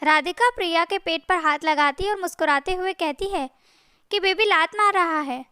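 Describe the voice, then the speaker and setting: A woman narrating a family story in a steady storybook manner. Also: extremely high pitch, moderate pace, dry recording, studio quality.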